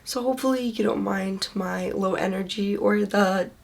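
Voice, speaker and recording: Recovering from the flu, a woman beauty vlogger chats casually with viewers in a sponsored video. Her voice is hoarse, congested and quieter than usual, with low energy, though she speaks at normal speed.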